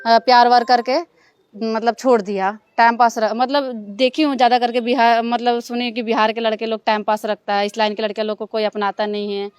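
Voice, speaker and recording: A young woman from Bihar, answering interview questions in a casual, halting way full of fillers. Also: fairly high pitch, flat delivery, clean tone. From Bihar, India. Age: young adult. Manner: halting, many fillers and restarts. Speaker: stage dancer, interview guest.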